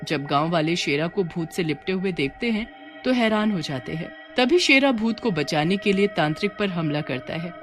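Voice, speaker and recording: A woman narrating a cartoon story in an even, plain storytelling manner. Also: lowish voice.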